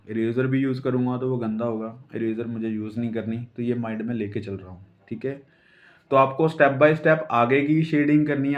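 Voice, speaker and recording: A man from India with a light Punjabi-tinged Hindi accent, calmly explaining a drawing lesson step by step while he sketches, often checking in with "theek hai". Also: medium pitch, highs cut off. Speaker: drawing teacher.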